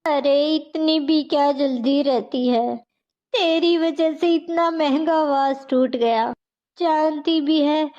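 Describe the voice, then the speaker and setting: A woman's voice: high voice, highs cut off. A woman voicing a strict scolding mother-in-law. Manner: sharp, scolding.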